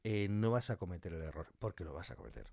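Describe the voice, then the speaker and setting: Very animated and talking fast, this podcast guest, an audio fiction writer and director, discusses his creative work emphatically and loves acting out little quotes. His voice is low-pitched, warm and husky with vocal fry. The sound is studio quality with no echo, and the interview conversation is lively.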